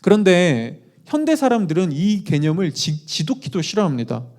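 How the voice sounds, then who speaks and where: A male pastor preaching a conversational sermon, animated, putting questions to the congregation with self-deprecating asides. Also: sits high, moderate pace.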